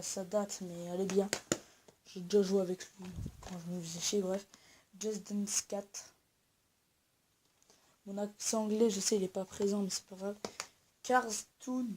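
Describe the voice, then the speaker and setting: Young female vlogger at home, sick, casual and rambling, dark mellow voice with faint noise behind. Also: medium pitch. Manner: rambling with many fillers and restarts. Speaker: YouTuber. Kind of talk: casual home-tour vlog. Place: at home indoors.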